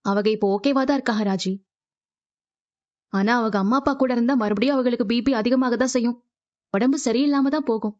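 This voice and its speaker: An actress playing a caring young daughter-in-law who speaks softly in a Tamil serial drama. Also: female voice, fairly high pitch, fairly quick, pauses often, natural voice. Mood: concerned. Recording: dull muffled TV-serial audio.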